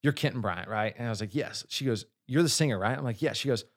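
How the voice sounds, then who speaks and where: A man, a singer, telling a long story in casual chat, with frequent swearing and lively asides. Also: mid-range voice, fast. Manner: profane, animated storyteller. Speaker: singer and guest.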